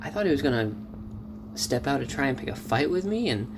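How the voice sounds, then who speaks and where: Man, casual vlogger, animated storyteller, mid-pitched voice, clear street and traffic noise behind. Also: fairly quick. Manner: chatty, animated storytelling with excited outbursts. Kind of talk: casual vlog chat.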